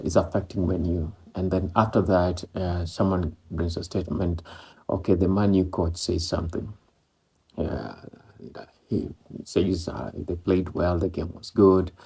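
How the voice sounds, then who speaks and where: A low-pitched, mellow, gravelly and husky voice belongs to an East African football vlogger chatting about a match. English is his second language, after Swahili or Maloko. He rambles casually, with many fillers and repetitions.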